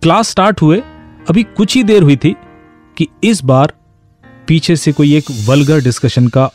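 A man's voice: on the high side, moderate pace, a little mellow, faint music behind. A man narrating a scripted suspense story in a dramatic way.

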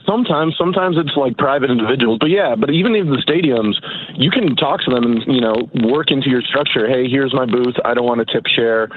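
A man's voice: medium pitch, fairly quick. A man calling in as a guest, explaining his work casually with plenty of fillers. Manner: explains with fillers, relaxed and matter-of-fact. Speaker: guest, traveling bartender. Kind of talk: casual interview chat. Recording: tinny phone line with faint hiss.

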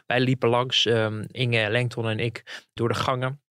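A man's voice: mid-range voice, unhurried, clear, resonant tone, no echo, studio quality. A man, a political commentator, telling anecdotes in casual podcast chat and acting out the people he quotes. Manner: lively storyteller who acts out the people he quotes.

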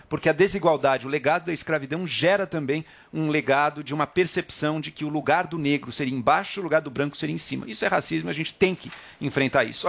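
A man's voice: on the high side, creaky, fairly bright tone. A man arguing his point as a panelist in a heated debate, insistent and lecturing.

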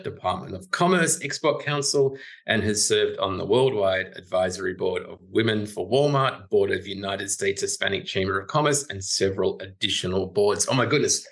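A man hosting a casual podcast interview, enthusiastic and easily excited. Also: low voice, creaky. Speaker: podcast host.

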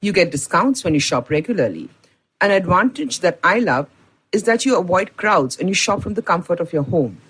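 Indian woman podcast host, husky tone, animated upbeat read. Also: fairly low pitch, moderate pace, poor audio. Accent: Indian English. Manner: upbeat, enthusiastic storytelling. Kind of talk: scripted podcast narration.

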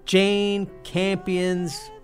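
Guy cohosting a movie podcast, wry and sarcastic, takes his time, a bit high voice. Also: completely flat delivery, soft background music. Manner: wry, drawn-out sarcastic delivery. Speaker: podcast co-host. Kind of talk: casual film chat.

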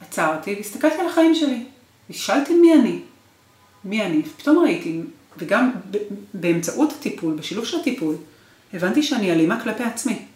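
A woman's voice: mid-range voice, sing-song, a little mellow. Woman in her 40s telling a painful story, emotional and repeating herself, roomy echo. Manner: emotional, repetitive, intense storytelling. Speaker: guest. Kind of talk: personal interview, recounting her marriage.

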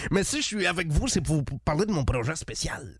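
A man's voice: on the high side, expressive, brisk, a crowd in the background, voice pushed down. A man voicing a cheerful folksy old country man with a Québécois accent, talking in a singsong, jokey way. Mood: jolly.

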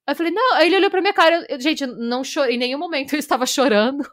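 A woman's voice: high voice, very fast, a bit bright. A woman with a Brazilian Portuguese accent co-hosting a podcast, telling a story animatedly, laughing and tripping over her words. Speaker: podcast co-host. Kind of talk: casual storytelling chat.

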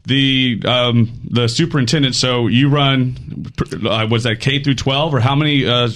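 A man's voice: medium pitch, fairly even intonation, unhurried, a bit bright. A man from Texas hosting a casual radio interview, asking friendly, rambling questions with plenty of fillers. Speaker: radio host.

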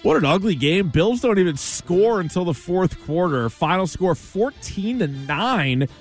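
A man hosting a sports show, running through scores and highlights in a conversational way.

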